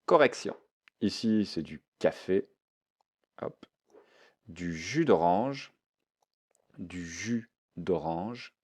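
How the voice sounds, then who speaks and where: A man's voice: low voice, lively intonation, extremely slow, long pauses, darkish tone, husky. A man teaching a French vocabulary lesson, repeating each word and mixing in English explanations.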